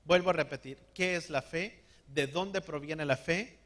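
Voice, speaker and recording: Man preaching a slow, emphatic sermon. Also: on the high side, a bit bright. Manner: call-and-response, has the congregation repeat words; slows and stresses key words. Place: church hall.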